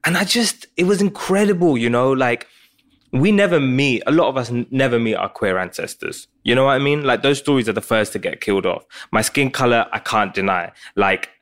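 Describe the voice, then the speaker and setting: A man's voice: medium pitch, brisk, a bit bright. A man, a comedian guest telling stories animatedly and joking in a casual interview. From Pakistan, raised in England.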